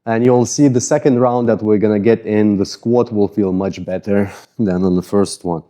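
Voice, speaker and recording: This fitness coach, a man with an Eastern European accent, has a lowish voice and a moderate pace. He's casually walking people through a follow-along mobility routine, sweaty from a just-finished workout and making fun of his tight muscles. Expect casual, self-deprecating, relaxed coaching.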